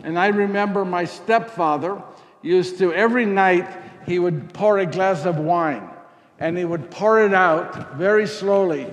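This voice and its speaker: A man's voice: sits high, measured pace, lo-fi sound. A man playing Saint Luke as an earnest Greek physician, speaking in character and answering audience questions in a rambling, repetitive way. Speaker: costumed presenter. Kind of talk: first-person character talk with audience. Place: parish hall before an audience. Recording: echoey hall, faint noise.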